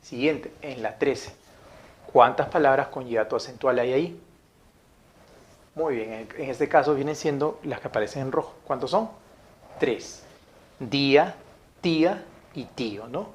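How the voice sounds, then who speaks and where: A man teaching a grammar lesson, reading each example sentence slowly, saying it twice and checking in with his listeners. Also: medium pitch.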